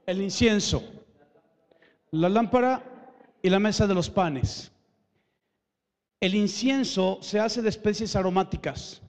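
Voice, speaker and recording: A man preaching a lively sermon, emphatic and animated, with joking asides and repeated words. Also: high-pitched, slow, pauses often, big-room sound.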